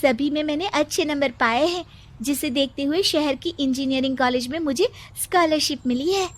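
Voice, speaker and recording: A woman voicing a confident, studious young village girl in a cartoon story, earnest and clear. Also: high voice, normal speed, close to an everyday voice.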